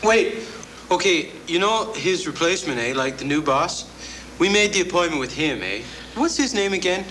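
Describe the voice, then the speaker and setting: A man's voice: sits high, big pitch swings, normal speed, bright, forceful tone, slight background noise, full character voice, low-quality recording. An actor playing a dim-witted, beer-loving young Canadian man with a whiny, slangy drawl and a Canadian accent. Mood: scheming. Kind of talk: film comedy dialogue.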